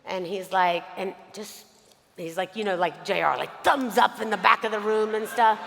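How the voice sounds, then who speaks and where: A woman giving a motivational speech on stage, telling a story with animated delivery and talking straight to the audience. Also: mid-range voice, normal speed, creaky, in a large hall. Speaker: motivational speaker.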